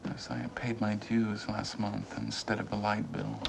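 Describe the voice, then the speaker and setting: An actor playing a restless young adult son, brooding and hesitant. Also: male voice, fairly low pitch, completely flat delivery, a little slow, vocal fry, a little hiss or hum, poor audio. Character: restless young man son, weary, yearning to leave. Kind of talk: stage play acting.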